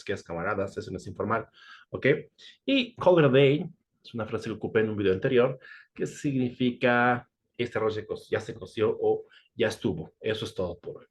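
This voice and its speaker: A man teaching English idioms in a casual online lesson, with playful asides. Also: lowish voice. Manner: playful, switches between Spanish and English, joking asides.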